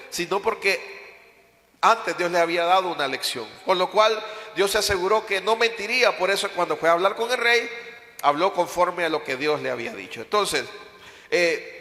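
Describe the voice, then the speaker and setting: A male pastor from Honduras preaches with a bright, tense edge to his voice, hammering his message through repetition and questions to the congregation. His sermon rings out in a roomy church hall with a long, lingering echo. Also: high-pitched. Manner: preaching with repeated emphatic phrases and questions to the congregation.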